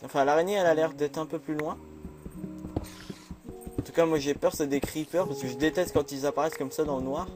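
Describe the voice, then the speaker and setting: A man chatting through a game, nervous and quick to say he is scared. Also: on the high side, fairly even intonation, music in the background. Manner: jumpy, chatty, easily scared. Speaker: gamer. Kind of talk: casual let's play commentary.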